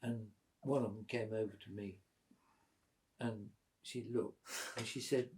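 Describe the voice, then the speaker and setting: A man's voice: fairly low pitch, unhurried, a little hiss or hum. Chuckling man in his eighties. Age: 80s. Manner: lively, chuckling storyteller who acts out quoted voices. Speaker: father telling family stories. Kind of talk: casual storytelling at a family gathering.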